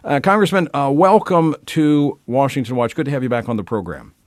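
A man from Louisiana hosting a talk radio show, chatting with many fillers and swinging between loud and soft delivery. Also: medium pitch, fairly quick, dry recording.

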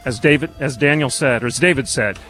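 A man's voice: mid-range voice, a little fast, pushed and bright, faint music behind, poor audio. Fervent male radio talk host. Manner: fervent, preacherly.

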